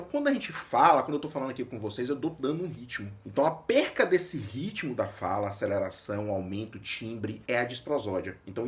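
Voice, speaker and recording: A Brazilian man explains a medical topic with a lively voice that rises and falls widely in pitch. He sounds like a neurologist giving an educational talk. He keeps asking questions and then answers them himself. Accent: Brazilian Portuguese. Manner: didactic, asks and answers his own questions.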